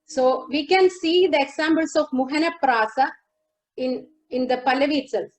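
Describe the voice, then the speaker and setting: A woman giving a lecture demonstration over a video call, explaining song lyrics line by line and singing a few verses slowly. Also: sits high, low-quality recording. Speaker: lecturer on Carnatic music. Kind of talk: lecture demonstration with sung lines.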